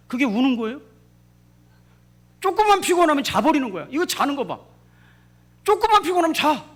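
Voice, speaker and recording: Emphatic high-voiced male preacher. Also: fairly bright tone. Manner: emphatic preaching, repeating key phrases, rhetorical questions to the congregation. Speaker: pastor. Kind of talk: sermon.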